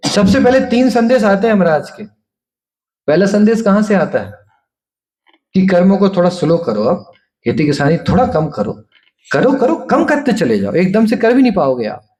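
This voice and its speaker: Man giving a devotional talk, kinda high voice, super animated, acts out people in his stories. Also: moderate pace. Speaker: preacher.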